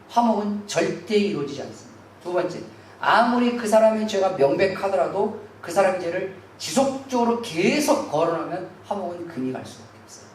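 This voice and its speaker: Male pastor preaching in an echoey church. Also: high-pitched. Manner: earnest, asks the congregation rhetorical questions. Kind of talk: Sunday sermon. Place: church sanctuary. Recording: very echoey hall, distant mic, faint hiss.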